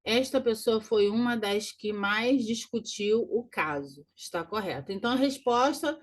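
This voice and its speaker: A woman teaching grammar in a recorded lesson, walking through exam answers and slowly repeating key words. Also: a little high, expressive. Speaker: Portuguese teacher.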